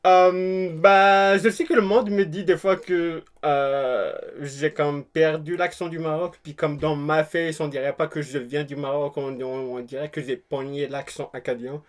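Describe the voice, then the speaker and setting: Young Moroccan-accented man, high voice. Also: steady tone, measured pace, hardly any pauses. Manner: laughs often, mixes in English words. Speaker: guest. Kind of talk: casual chat.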